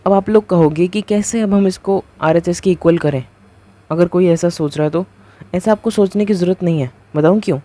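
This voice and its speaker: Guy teaching math on a whiteboard, chatty, keeps asking "what's left?", soft mellow tone. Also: high voice, a little fast. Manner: conversational, keeps asking the viewer rhetorical questions; talks through each step while writing. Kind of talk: casual whiteboard lecture.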